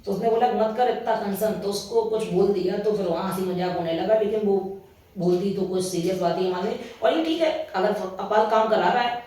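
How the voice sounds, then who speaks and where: A man's voice: sits high, a little fast, darkish tone. A man hosting a reaction channel, recapping a reality show in casual chat, opinionated and scolding, often saying "anyway". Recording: very echoey room, voice far from mic.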